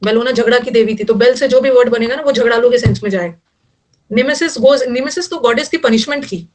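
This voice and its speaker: A woman's voice: fairly high pitch, a little fast, far from the mic. A middle-aged woman teaching an English vocabulary class, mixing Hindi and English and using jokey memory tricks for each word.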